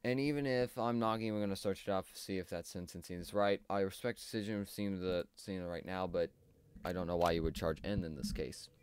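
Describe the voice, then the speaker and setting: A young man with a low, smooth voice gives casual commentary on a cartoon series as a video commentator. He talks fairly quickly, rambling and hesitant, with lots of fillers.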